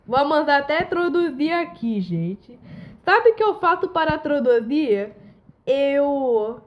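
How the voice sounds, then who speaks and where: A woman's voice: high voice, animated, takes it slowly, highs cut off. A woman with a Brazilian Portuguese accent giving casual commentary as she plays a mobile game, chatty and constantly calling on her audience.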